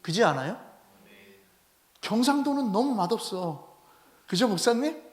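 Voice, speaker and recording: A male head pastor preaching a Sunday sermon in a church, animated and constantly asking the congregation rhetorical questions. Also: sits high, a little slow. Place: church sanctuary.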